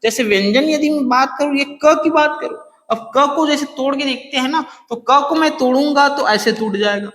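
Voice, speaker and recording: A male teacher giving an exam-prep lecture, asking questions and answering them himself, and slowly repeating key phrases. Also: extremely high pitch, a bit bright. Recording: echoey room with long reverb.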